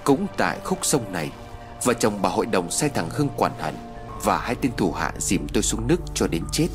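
A man's voice: on the low side, big pitch swings, normal speed, over music. A man voicing a vengeful young man who coldly mocks his enemies in a told story. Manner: cold, mocking.

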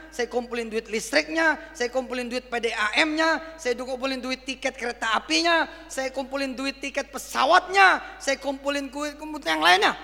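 A man preaching in a high, gravelly voice with a bright, sharp edge. He swings between loud bursts and low, quiet asides. The sound carries a long hall reverb. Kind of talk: sermon.

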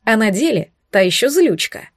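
A woman's voice: fairly high pitch, sing-song, normal speed, no room sound, studio quality. A woman voicing a teasing young adult brother who snorts and bosses others around. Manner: mocking, bossy.

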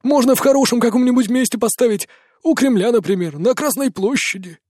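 A man voicing a timid male colonel who stammers and bursts out in a high, nervous voice. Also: a little fast, darkish tone, no room sound, studio quality. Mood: flustered.

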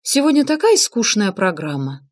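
A woman's voice: medium pitch, very animated, moderate pace. A woman voicing a sulky, hot-tempered young woman taking driving lessons in an audiobook. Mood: bored. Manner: snappish, rises sharply when provoked.

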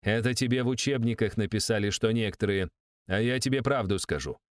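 Man voicing older secret police count, harsh, contemptuous, low dry voice. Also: brisk, no echo, close to an everyday voice. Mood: menacing. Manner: contemptuous, menacing, bullying.

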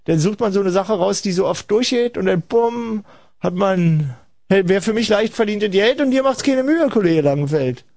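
A man with a high, husky voice hosts a late-night call-in radio show in a loose, ironic ramble. His pitch swings widely as he teases the callers. It sounds like a radio broadcast recording. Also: expressive, moderate pace, a little mellow, no room sound. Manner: rambling, ironic, addresses listeners as kids. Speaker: radio host.

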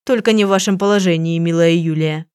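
A woman reading an audiobook, voicing a cool, sharp female private detective with a calm, dry, cutting manner. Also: lowish voice, a little fast, clear, resonant tone, dry recording, lightly acted. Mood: bored.

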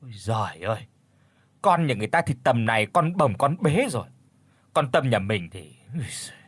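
A man's voice: medium pitch, expressive, racing, bright, forceful tone, husky, dry recording, heavily acted. A man voicing a worried, lamenting middle-aged village wife in a spoken story. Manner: sighing, lamenting.

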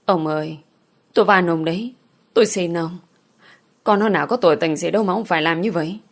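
A woman voicing a frightened pregnant village mother in an audiobook, pleading in a lowish voice. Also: a little fast. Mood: begging.

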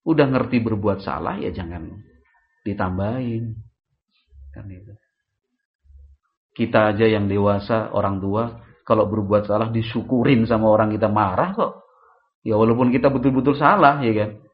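A man's voice: on the low side, normal speed, pauses often, lo-fi sound. A man giving a religious study lecture, talking animatedly and asking his listeners questions. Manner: lively, rhetorical questions to the audience. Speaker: Islamic preacher.

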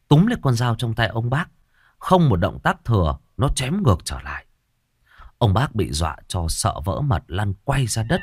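A man narrating a horror story in a dramatic, expressive way. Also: fairly low pitch, no room sound.

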